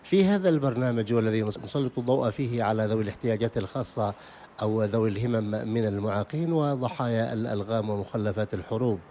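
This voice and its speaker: Yemeni male radio host, brisk delivery, deep-ish register, patient and formal. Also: warm tone, slight background noise. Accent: Yemeni Arabic. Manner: formal welcomes, then patient repeated questions. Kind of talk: radio interview. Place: outdoor market.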